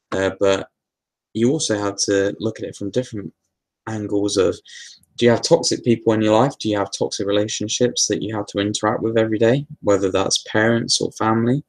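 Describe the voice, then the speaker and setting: Male host, low voice with fry, casual rambling Q&A delivery. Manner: relaxed, meandering, with many fillers and restarts. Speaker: host answering viewer questions. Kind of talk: casual live Q&A talk.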